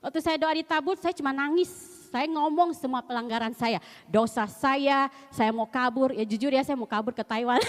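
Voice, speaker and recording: Chatty high-voiced woman in a reverberant church. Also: moderate pace. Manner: chatty, laughs often, slangy storytelling. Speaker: church member giving testimony. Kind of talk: lively testimony at a church service. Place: church hall. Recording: long hall reverb.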